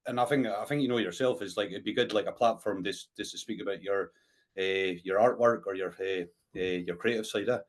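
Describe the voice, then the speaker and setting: Hesitant Scottish Highland man hosting a podcast. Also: fairly quick. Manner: hesitant, frequent "eh" tags and repeated words. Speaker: podcast host. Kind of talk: casual interview chat.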